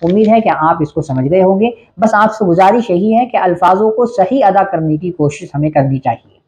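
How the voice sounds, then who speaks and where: Mellow-voiced man teaching prayer pronunciation. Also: sits high, animated. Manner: repeats Arabic prayer phrases slowly to demonstrate pronunciation; earnest, explanatory. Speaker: religious teacher. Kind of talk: religious instruction on prayer.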